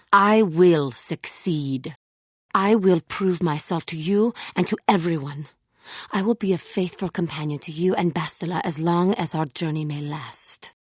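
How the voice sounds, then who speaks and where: Her low, very husky voice, a little mellow, carries earnest resolve as this proud female fallen Jedi delivers dramatic game dialogue. Tormented and repentant, she phrases everything deliberately, formally and solemnly, never using contractions. The studio-quality recording has no room sound.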